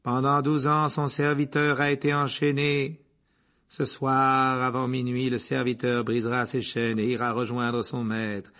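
A man reading an audiobook, voicing an eccentric older female seer who speaks in slow, hushed, breathy tones. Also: mid-range voice, level tone, voice pushed up, natural voice. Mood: harsh trance. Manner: slow, mysterious, then harsh trance voice. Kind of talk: audiobook character voice.

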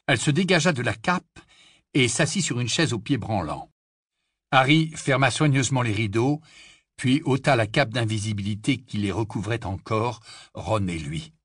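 A man narrating a novel in a low-key, even reading voice. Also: breathy edge, no room sound, clean studio sound. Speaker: audiobook narrator. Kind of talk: scripted narration.

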